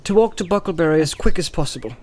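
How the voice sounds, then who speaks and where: A man's voice: on the high side, animated, a little hiss or hum, voice pushed up, lightly acted. A man voicing an earnest, troubled young hobbit. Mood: curt. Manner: thoughtful, measured, gently firm. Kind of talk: audiobook character voice.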